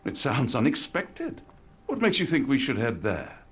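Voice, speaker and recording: An actor playing an earnest, anxious gentleman doctor in a video game, with a British accent and formal, expressive delivery. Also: mid-range voice, normal speed, slightly rough, full character voice. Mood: doubtful. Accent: British English. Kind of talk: dramatic video game cutscene acting. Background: music.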